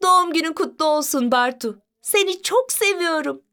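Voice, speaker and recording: A high, bouncing little-girl voice, quick and teasing, as a bossy big sister in a children's storybook, which a woman puts on while reading aloud. Her pitch leaps up on every retort. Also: big pitch swings, a bit bright. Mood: cheerful.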